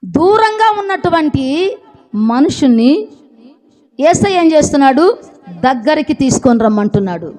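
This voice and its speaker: A woman's voice: sits high, sing-song, measured pace, pauses often, a little mellow. A woman preaching a church sermon, emphatic, repeating her phrases and putting questions to the congregation. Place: church service.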